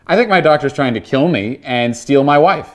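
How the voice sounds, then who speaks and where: A man's voice: mid-range voice, expressive, normal speed, natural voice. A man playing an earnest, worried husband in a parody drug commercial testimonial.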